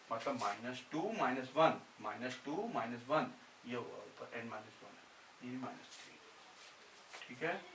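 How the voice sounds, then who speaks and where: Explaining a blackboard lesson, a physics teacher with a mid-range, fairly bright voice works through formulas step by step, repeating himself often as he drills them. A distant mic in an echoey room picks him up along with a faint hiss.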